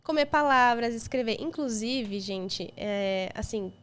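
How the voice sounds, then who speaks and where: A young Brazilian woman with a Brazilian Portuguese accent, a podcast guest telling personal stories in an emotional, lively way. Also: fairly high pitch, a little slow, clean tone. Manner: emotional, lively storytelling with quoted voices. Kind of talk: casual chat.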